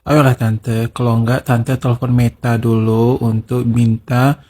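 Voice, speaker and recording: A man's voice: medium pitch, flat delivery, unhurried, mellow, slight background noise. Teasing man in casual flavored chat. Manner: teasing, sarcastic, coaxing the audience. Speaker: channel host, commentator. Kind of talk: casual mocking commentary to viewers.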